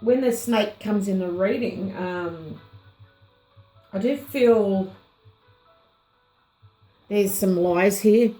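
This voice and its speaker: A woman giving a casual tarot reading, slightly hoarse and unhurried, pausing often with ums as she muses over the cards. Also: mid-range voice, warm tone, roomy sound, faint music behind, low-quality recording. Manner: unhurried, musing, many ums and pauses. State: slightly hoarse, losing her voice. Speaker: tarot reader.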